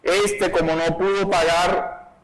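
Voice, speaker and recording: Slow, deliberate preaching pastor. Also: male voice, sits high, level tone, a loud crowd, poor audio. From Colombia. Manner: reads scripture aloud within the sermon. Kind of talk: expository sermon. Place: church.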